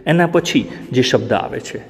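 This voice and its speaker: A man teaching an English lesson to beginners, spelling words out slowly letter by letter and often asking his learners how to say them. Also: mid-range voice, animated, gravelly, big-room sound. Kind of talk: spoken language lesson.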